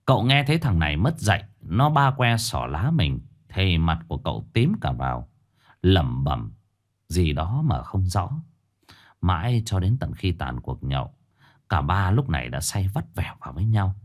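A man's voice: sits low, very animated, normal speed. A man with a Northern Vietnamese accent narrating a comic ghost story, colloquial with playful asides.

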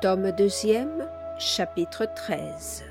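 Slow, measured woman narrator. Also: mid-range voice, animated, loud music behind the voice. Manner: measured, deliberate literary reading. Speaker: audiobook narrator. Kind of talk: scripted narration.

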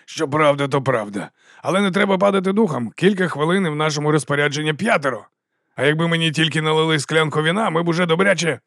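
A man's voice: fairly high pitch, quick pace, fairly bright tone, no room sound, studio quality, voice pushed up. A man reading an audiobook and voicing an old, flamboyant mercenary who talks in a grand, showman-like way. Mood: rueful. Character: old, flamboyant male mercenary, theatrical and cheerful. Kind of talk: audiobook character voice.

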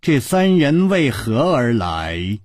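A man voicing a cold, haughty woman who rules a hidden palace, speaking low and clipped. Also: sing-song, takes it slowly, no echo, studio quality. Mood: cold commanding. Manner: icy, low, clipped, imperious.

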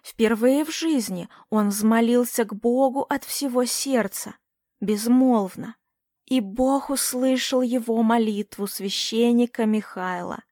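A woman narrating a novel as an audiobook, in a measured, even way. Her voice sits fairly high. The recording is dry and close, with no room sound. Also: no room sound.

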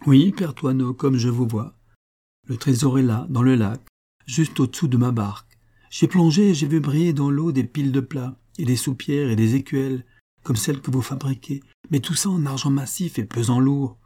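A man voicing a sly, cheerful young male boatman who talks boldly and lively in a storybook reading. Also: mid-range voice, moderate pace, natural voice. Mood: boastful.

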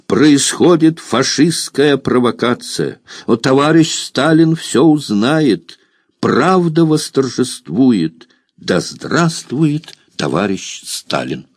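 A man voicing a condemned party official crying out in a hoarse, torn voice. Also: mid-range voice, sing-song, takes it slowly, no room sound, studio quality. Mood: desperate. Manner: pleading exclamations.

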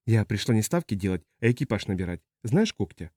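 A man voicing a calm, confident woman starship captain, soft and dry. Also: on the low side, a little fast, no echo.

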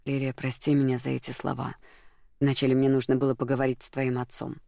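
An audiobook reader playing a gentle, earnest man in love, speaking in a soft, caring, serious tone. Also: medium pitch, completely flat delivery, fast, gravelly, no echo, clean studio sound, lightly acted. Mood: tender, earnest.

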